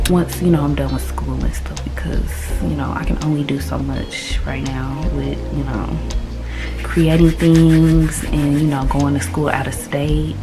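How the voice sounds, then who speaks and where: A young woman in her twenties talks straight to her phone camera in a relaxed, slangy chat. Her voice sits low and unhurried. Clear music plays behind her throughout. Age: 20s. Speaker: vlogger.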